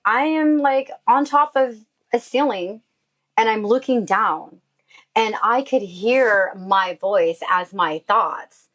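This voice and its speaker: A woman guest tells her own story in a casual interview, speaking slowly in a fairly high, slightly bright voice. Her delivery is emotional and packed with fillers, especially "like." The audio is poor.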